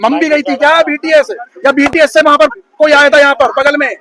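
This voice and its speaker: A man's voice: extremely high pitch, little pitch movement, brisk, sharp tone. A man ranting sarcastically in a street interview, scolding people and repeating "bhai" constantly. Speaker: bystander interviewee. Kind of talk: heated street interview rant.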